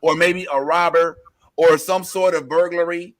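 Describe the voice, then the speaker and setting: A man co-hosting a casual reaction podcast, riffing in an animated, preachy way. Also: fairly high pitch, moderate pace. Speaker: podcast co-host.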